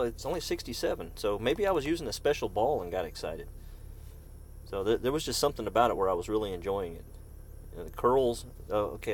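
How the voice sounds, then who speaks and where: A gaming streamer with a fairly low voice provides casual commentary on a live stream, calling out viewers by name and pausing occasionally for coughing fits. Slight background noise can be heard.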